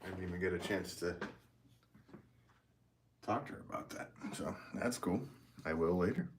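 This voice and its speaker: A man's voice: deep voice, moderate pace, slight background noise. An American man hosting a casual livestream as a potter, rambling and chatty as he works and reads out comments. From United States. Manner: rambling, chatty, talking to himself while working.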